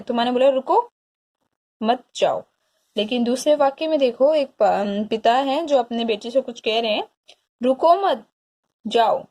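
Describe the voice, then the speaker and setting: A woman teaching a grammar lesson in a slightly high voice. She speaks straight to her pupils and repeats each definition slowly, phrase by phrase, so they can take it down word for word. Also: a little mellow. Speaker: school teacher. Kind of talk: explanatory classroom lesson.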